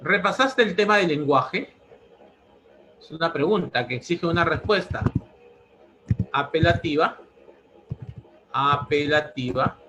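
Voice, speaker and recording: A man's voice: fairly high pitch, slow, pauses often, noisy background. A man teaching a language lesson, repeating each answer several times. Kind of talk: pre-university language lesson.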